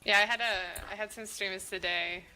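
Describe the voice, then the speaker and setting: A woman's voice: medium pitch, steady tone, moderate pace, sharp tone, faint music behind, rough recording. A woman with an Australian accent co-hosting a casual stream chat, teasing and slangy. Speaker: stream co-host.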